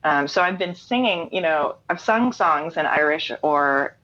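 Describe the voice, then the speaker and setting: Low-voiced, animated and unhurried, with a touch of brightness, a middle-aged American woman is interviewed over an online call from her home. She's a singer-songwriter and writer whose conversational style is easygoing and explanatory. The sound has the dull, lo-fi quality of an online call.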